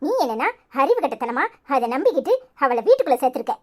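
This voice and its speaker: Woman voicing a mocking, sharp-tongued cartoon mom from Tirunelveli, high and swooping. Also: very animated, quick pace. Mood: scolding. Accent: Tirunelveli Tamil. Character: scornful scolding mother, middle-aged woman.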